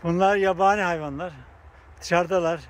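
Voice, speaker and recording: A man's voice: sits high, steady tone, normal speed. A man outdoors filming a casual vlog, coaxing animals to come closer and chatting to his viewers with affection. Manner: coaxing and affectionate, laughs often. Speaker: vlogger. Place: outdoors by grazing bison, near a bike path.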